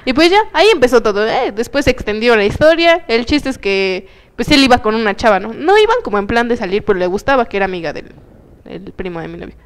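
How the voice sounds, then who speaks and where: A young Mexican woman co-hosting a chat show, telling a story in an animated, slangy, playful way. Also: on the high side, fast, clear, resonant tone. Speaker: co-host. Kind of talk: casual chat.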